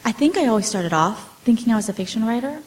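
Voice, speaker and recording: Speaking fast, with a slightly high voice and lively intonation, a female author in her forties responds to audience questions. She shares her family's history as casual storytelling, loose and halting, packed with fillers and restarts.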